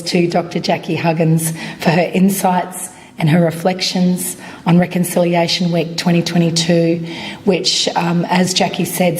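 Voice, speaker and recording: A woman with a voice raspy from a cold, giving a formal speech as a guest academic. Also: lowish voice, a little mellow. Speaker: professor and research centre director, guest speaker. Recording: noisy live event room.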